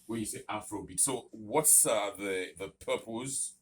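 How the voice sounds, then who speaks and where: A man hosting a radio interview in a studio. He talks emphatically, like a presenter, and fills his pauses with "uh". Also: lowish voice, a little hiss or hum. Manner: emphatic presenter, many fillers. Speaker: radio host.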